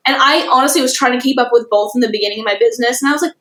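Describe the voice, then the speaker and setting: A woman's voice: a little high, racing, fairly bright tone, roomy sound. A woman guest on a podcast, a social media manager chatting casually, rambling with lots of fillers and laughing easily.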